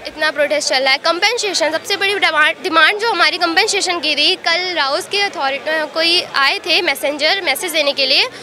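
A faint crowd can be heard as a young woman from Uttar Pradesh, India, a civil service exam student, answers a reporter's handheld mic outdoors at a protest. Earnest and mixing English into her Hindi, she speaks at normal speed in a very high, bright, pushed voice with few pauses.

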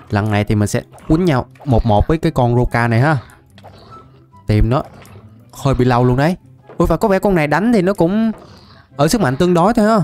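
A young man, chatting casually as he plays a game, laughing often and repeating words in quick bursts. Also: mid-range voice, a little mellow. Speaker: gaming YouTuber. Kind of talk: casual Minecraft let's-play commentary.

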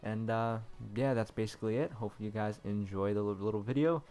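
A man's voice: lowish voice, quick pace, a little mellow, faint music behind. A man talking casually to viewers as a gaming video creator. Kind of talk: casual video intro talk.

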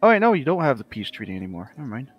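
A man's voice: medium pitch, very animated, racing, breathy edge, highs cut off, faint music behind. Man thinking aloud over a strategy game. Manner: thinks aloud while explaining game mechanics. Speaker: strategy game player and channel host. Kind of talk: casual multiplayer gaming chat.

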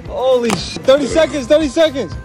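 A man hosting a street challenge outdoors, giving excited commentary full of exclamations and swearing. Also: very high-pitched, brisk. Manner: animated exclamations, profanity, frequent laughing. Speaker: challenge host filming strangers. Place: outdoors in public parks. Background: music.

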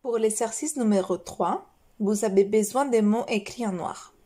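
A woman teacher with a French accent reading a phonics lesson, drilling syllables slowly and carefully. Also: medium pitch, mellow, husky.

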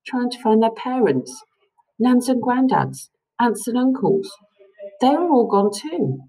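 A woman reading a children's book aloud to listeners with expressive storytelling. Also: on the high side, unhurried, rough recording.

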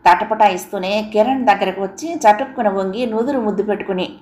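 A woman's voice: mid-range voice, fairly quick, darkish tone. A woman narrating an audio novel in an emotive, dramatic reading style. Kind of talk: expressive storybook narration. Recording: roomy echo.

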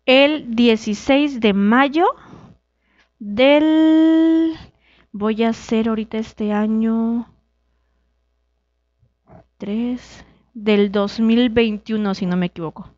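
A woman's voice: takes it slowly, long pauses, dry recording, muffled recording. A young woman from Mexico, a wrestler being interviewed, telling her story casually and acting out the dialogue. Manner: animated, acts out quoted dialogue with shifting pitch. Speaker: guest, wrestler.

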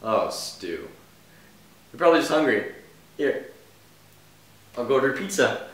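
Man playing a breezy sitcom roommate, swooping pitch. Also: very animated, takes it slowly. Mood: breezy, soothing. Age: young adult. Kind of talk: exaggerated sitcom delivery in a parody. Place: living room and entryway of a house. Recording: roomy, echoing house with clear noise.

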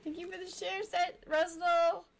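Bright-voiced woman streamer. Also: high voice, sing-song, takes it slowly, a little hiss or hum. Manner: chatty, greeting viewers, coughing now and then. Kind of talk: casual game stream chat.

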